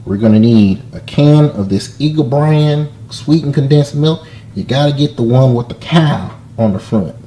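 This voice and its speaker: A man putting on a Southern drawl to play a folksy country cook giving a joking cooking lesson in a deadpan way. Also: medium pitch, normal speed, pitched above the performer's own voice, natural voice. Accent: put-on Southern US drawl. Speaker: home cook. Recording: echoey room with faint noise.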